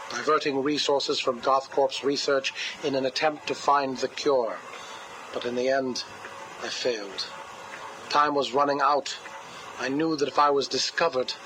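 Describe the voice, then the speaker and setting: An actor playing a cold, grieving, obsessive male scientist who talks slowly and mournfully, heard as a cassette tape recording. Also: mid-range voice, a bit bright, poor audio. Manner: slow, controlled, mournful delivery. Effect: played back from a cassette tape recording. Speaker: interview subject. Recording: hissy cassette tape playback.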